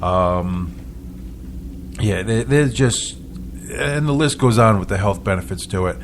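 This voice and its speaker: A man's voice: on the low side, lively intonation, a little slow, a little hiss or hum. A man hosting a casual local radio talk show, chatting with frequent stumbling restarts and chuckles.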